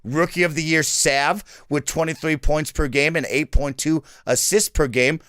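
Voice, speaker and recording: Man who says w for r, crisp voice. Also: fairly high pitch, steady tone, normal speed, a bit bright, no room sound, clean studio sound. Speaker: esports talk show host. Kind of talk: upbeat esports show commentary.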